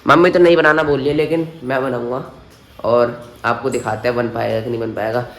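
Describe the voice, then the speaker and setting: A man's voice: mid-range voice, level tone, brisk, fairly bright tone. A young man chatting to his viewers in a casual daily vlog filmed at home on a handheld camera. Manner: chatty, addresses viewers directly. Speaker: vlogger. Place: at home and in the yard.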